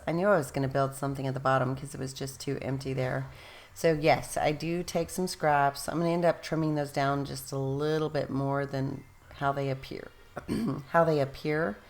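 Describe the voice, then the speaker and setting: A rumbling, gravelly low voice belongs to a woman host who chats her way through scrapbooking, drifting from point to point and correcting herself often. She is losing her voice and pushing it hard.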